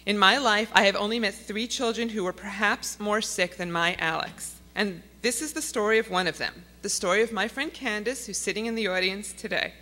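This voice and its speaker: A woman's voice: mid-range voice, a little fast, few pauses, sharp tone. Earnest woman pleading from a stage. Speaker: conference speaker. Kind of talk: speech to an audience. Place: conference hall. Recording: long hall reverb.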